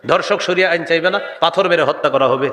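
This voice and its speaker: A man's voice: a little high, fast, a bit bright, long reverb tail. A man preaching a sermon, leading the crowd in call-and-response with sing-song chanting.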